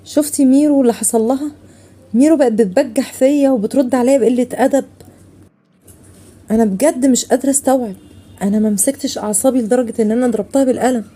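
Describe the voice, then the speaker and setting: Woman doing a bossy egyptian mom, talks fast, nags the oldest girl nonstop, slightly higher voice. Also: steady tone, warm tone, close to an everyday voice. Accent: Egyptian Arabic. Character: strict hard-working mother scolding her eldest daughter. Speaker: mother in a family skit.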